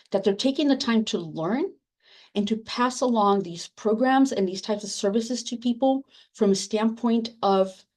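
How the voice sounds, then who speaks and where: A first-generation immigrant woman whose first language is Spanish answers a panel question on a video call as a book editor. Her mid-range voice has a darkish tone. She answers earnestly but with many fillers and restarts.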